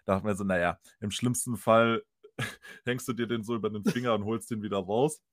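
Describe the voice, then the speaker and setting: A man's voice: fairly low pitch, steady tone, brisk, no echo, studio quality. A man telling an anecdote in casual podcast chat. He talks animatedly, laughs often and acts out the people he quotes. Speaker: podcast host.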